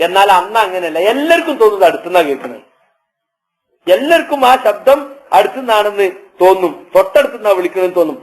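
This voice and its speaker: A man preaching a sermon, chanting Arabic verses slowly, then explaining them and asking the listeners questions. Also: sits high, very animated, poor audio. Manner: rhetorical questions to the audience. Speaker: Islamic preacher.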